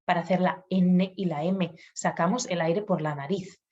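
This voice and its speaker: A woman's voice: on the low side, steady tone, moderate pace, a little mellow, muffled recording. Speech therapist woman demonstrating sounds. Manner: patient, demonstrates sounds aloud. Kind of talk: explanatory talk to parents.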